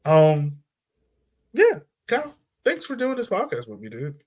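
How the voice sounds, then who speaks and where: This man's high voice moves at an unhurried pace while he hosts a soccer podcast. The chat is relaxed and rambling, peppered with fillers such as "um" and "like."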